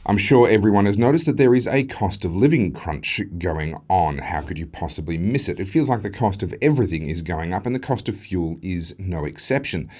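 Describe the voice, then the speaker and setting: A man hosting a news show, measured and earnest as he presents and interviews. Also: low voice, lively intonation, darkish tone.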